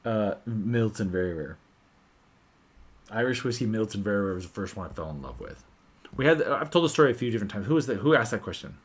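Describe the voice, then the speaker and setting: A man hosting a casual whiskey livestream, animated and swearing freely as he tells stories. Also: fairly low pitch, fast.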